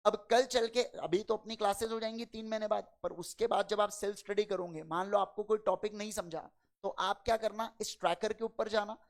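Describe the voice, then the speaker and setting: Gravelly male teacher quizzing his class. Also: sits high, fairly even intonation. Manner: quizzes the class with quick call-and-response questions; fatherly, calls students "beta". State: slightly unwell, talking slower than usual. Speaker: accounting exam lecturer. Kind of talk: classroom lecture in Hindi and English.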